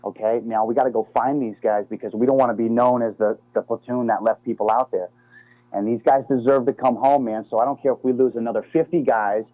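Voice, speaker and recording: A former Navy SEAL guest, a middle-aged American man, chats casually by phone and calls the host "man" and "dude." His mid-range voice is steady and fast, carried over a tinny, dry line with no room sound.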